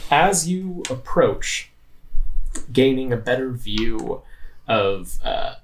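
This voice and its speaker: A man working as game master, narrating a tabletop game with measured, descriptive delivery. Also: mid-range voice, sing-song, low-quality recording.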